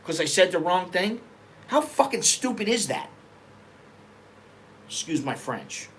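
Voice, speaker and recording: A middle-aged man from America talks in a loose, rambling vlog style, blunt and quick to swear. His voice sits a little high and rings bright and forward. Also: very animated, slight background noise. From United States. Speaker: vlogger. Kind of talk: casual opinion vlog. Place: living in Bangkok.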